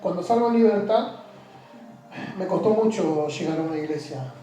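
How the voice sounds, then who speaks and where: A man giving a personal testimony in an interview, halting and repeating words, often trailing off quietly. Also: high-pitched, recorded from a distance. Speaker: interview guest. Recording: very echoey room, off-mic, faint music.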